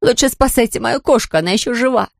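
A woman's voice: normal speed, vocal fry, mellow, slightly rough, dry recording, clean studio sound, exaggerated voice. A woman voicing a distraught woman who shrilly cries out for her hurt cat in an audiobook. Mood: angry. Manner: shrill, crying out.

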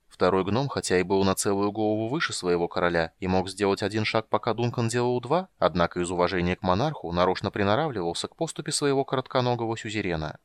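A man narrating a fantasy audiobook in a steady, measured storytelling manner. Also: fairly low pitch, no room sound.

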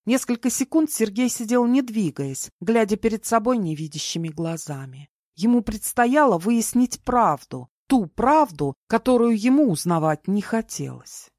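A woman's voice: on the high side, animated, normal speed, few pauses, a little mellow, dry recording, studio quality. Woman reading a first-person audiobook. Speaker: audiobook narrator.

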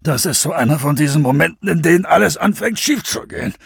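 Audiobook: a gruff, growling man, played by the male reader, slightly higher and husky. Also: expressive, quick pace, dry recording, clean studio sound, full character voice. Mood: tense. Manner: tense, growling complaints. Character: gruff, grumbling adult man on a rescue team. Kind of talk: audiobook reading.

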